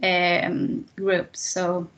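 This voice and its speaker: Fairly low-pitched and monotone, with drawn-out words and a fairly bright tone, this woman is a guest speaker presenting on careers to students. She is a chemical engineer in her thirties from Venezuela whose native language is Spanish, and her English is slightly hesitant and Venezuelan-accented.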